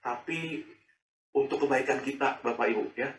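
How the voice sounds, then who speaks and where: A man, preaching a sermon in a lively, chatty way full of rhetorical questions. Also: medium pitch, moderate pace. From Indonesia. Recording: echoey and distant.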